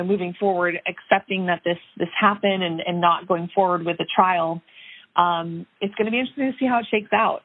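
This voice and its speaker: Husky lowish woman reporter, lots of ums and restarts, tinny phone-line sound. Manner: conversational, many fillers and restarts. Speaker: investigative reporter. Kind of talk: remote news interview.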